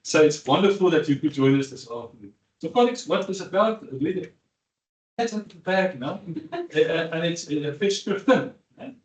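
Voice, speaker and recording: A man's voice: a little high, lively intonation, moderate pace. A man giving a ceremonial welcome speech as department chair, hesitant and repeating words, with light jokes. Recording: echoey hall, mic far off.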